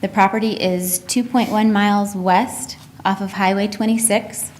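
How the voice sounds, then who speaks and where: A woman presents a formal staff report in a meeting room. Her mid-range voice stays very even as she reads. There is faint noise in the background. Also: medium pitch, measured pace.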